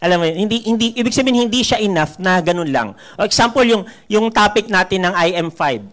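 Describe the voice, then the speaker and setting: Filipino man, high voice, mentor working a live seminar room, animated and teasing. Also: brisk. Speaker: network marketing mentor. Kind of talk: live seminar talk to an audience.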